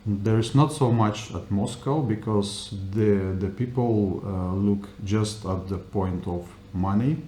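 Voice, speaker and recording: Man, English. Unhurried, halting interview answers, roomy sound with a little noise. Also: on the low side, dark tone. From Russia. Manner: halting, searching for words in simple non-native English. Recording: echoey room with faint noise.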